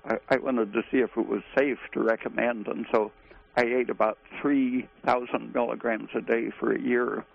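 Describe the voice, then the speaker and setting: Creaky-voiced man on a tinny phone line. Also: mid-range voice, steady tone. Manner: halting, frequent "uh" pauses. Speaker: guest expert on a call-in radio show. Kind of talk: call-in radio discussion.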